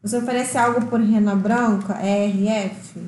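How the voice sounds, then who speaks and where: A woman's voice: mid-range voice, fairly even intonation, unhurried, a little mellow, roomy sound, a little hiss or hum, poor audio. A woman co-hosting a game livestream as a mother, reading viewer comments aloud with playful banter. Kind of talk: casual live-stream chat.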